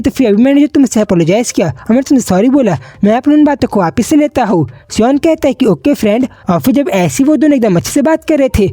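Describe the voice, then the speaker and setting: Recap narrator: woman, Hindi accent, races through the plot, mellow tone, dry close sound. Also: sits high, no room sound. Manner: rapid storytelling with mixed English words and repeated "कि" links. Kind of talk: fast retelling of a comic story.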